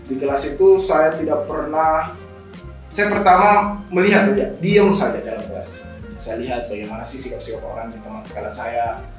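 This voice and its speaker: Speaking at normal speed with a steady, mid-range voice, this young Indonesian man is a guest on a casual talk show, where he's a scholarship alumnus telling stories and explaining things while frequently repeating himself. Music sits behind him, and the distant mic captures a very echoey room.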